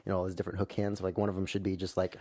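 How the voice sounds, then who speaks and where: A man's voice: sits low, monotone, racing, dark tone, no echo. A young man co-hosting a writing podcast, chatting in an easygoing way full of "like" and "you know.". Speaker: podcast co-host. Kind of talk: casual podcast chat.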